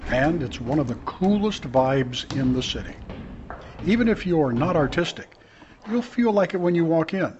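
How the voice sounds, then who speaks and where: Guy reporter, easygoing and chatty, kinda high voice, muffled with noise behind. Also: animated, normal speed. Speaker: interviewer, reporter. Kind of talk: casual interview and narration. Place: large old building studio. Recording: dull lo-fi sound with clear background noise.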